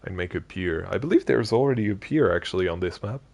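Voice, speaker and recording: A man's voice: low-pitched, animated, fast talker, creaky, darkish tone, muffled recording. A man live-streaming a building game late in a long session, chatting loosely with viewers and restarting his sentences a lot. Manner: rambling, many restarts and fillers, chatting with viewers. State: sleepy, yawning. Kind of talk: casual live-stream chat while gaming.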